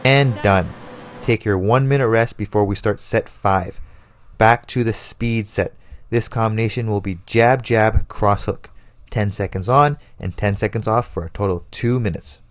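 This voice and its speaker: A man's voice: fairly low pitch, normal speed, no echo. A man working as a boxing coach, calling out combinations and timing cues in short, motivational commands. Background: music.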